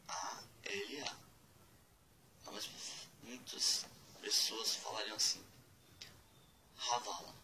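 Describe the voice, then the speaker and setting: Male tutor, unhurried, spells and repeats, a touch low, faint room hum behind. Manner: slow and deliberate, spelling out letters and repeating words. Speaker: language teacher. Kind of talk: casual spoken lesson.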